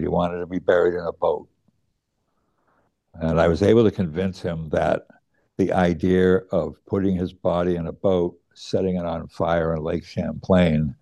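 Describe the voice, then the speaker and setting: A middle-aged man slowly telling a personal story, reflective and hesitant, pausing and restarting his words. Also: low-pitched, vocal fry, mellow. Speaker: student recounting his teacher's death.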